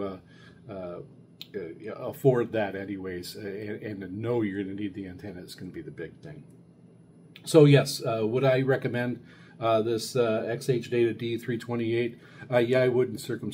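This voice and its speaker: Over steady, clearly audible background noise, a show host who reviews radio hobby gear talks through a product off the cuff. His voice sits low, and he rambles, hesitates and speaks haltingly.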